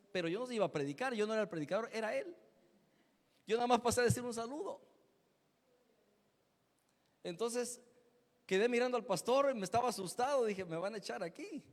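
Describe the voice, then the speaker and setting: A man preaching a testimony in a sermon, telling his story in an animated way and acting out the scenes. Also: very high-pitched. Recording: long church reverb.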